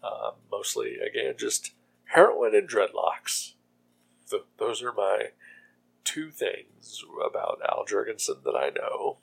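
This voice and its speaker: A man hosting a pirate radio show, rambling casually between songs in a hesitant, self-deprecating and blunt way, with a gravelly voice. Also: lowish voice, slow, poor audio. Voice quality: gravelly, creaky.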